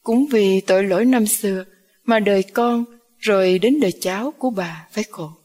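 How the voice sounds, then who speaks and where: Husky woman reading a story. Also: mid-range voice, moderate pace, dark tone. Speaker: narrator.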